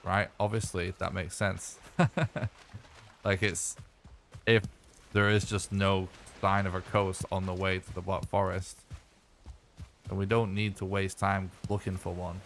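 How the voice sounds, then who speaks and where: A man streaming a speedrun, thinking aloud in relaxed, muttered commentary. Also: low voice, a little slow, a little hiss or hum. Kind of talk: casual gameplay commentary.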